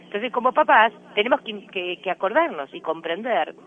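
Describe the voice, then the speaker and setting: A man with a Rioplatense Spanish accent and a notably high-pitched voice explains parenting ideas in an earnest, lecturing way. He is a radio interview guest, heard over a thin, tinny phone line. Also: expressive, moderate pace.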